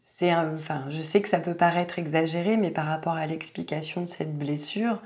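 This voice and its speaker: A woman giving an astrology card reading, talking gently and hesitantly with many fillers. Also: deep voice, fairly even intonation, moderate pace. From France. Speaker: tarot card reader.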